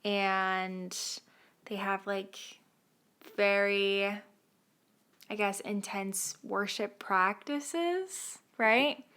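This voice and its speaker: A woman co-hosting a casual podcast tells her story with a clear, bright tone. She laughs a lot and sinks into a near whisper when things get tense. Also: mid-range voice, extremely slow. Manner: animated, laughs often, drops to a hush for tense moments. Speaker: podcast co-host.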